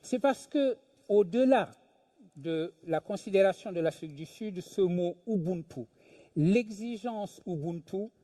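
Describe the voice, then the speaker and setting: An older man from Senegal, a philosophy professor, giving a measured, deliberate public talk with emphatic pauses. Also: high voice, animated, warm tone. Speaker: invited speaker, philosophy professor. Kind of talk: lecture at a public event.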